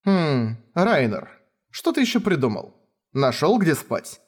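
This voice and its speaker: Ferris: male reader as an icy young swordswoman, deadpan, mock-tragic digs. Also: fairly high pitch, slow pace, slightly rough, exaggerated voice. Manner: deadpan, hissing, mock-dramatic. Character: cold, haughty young blonde swordswoman.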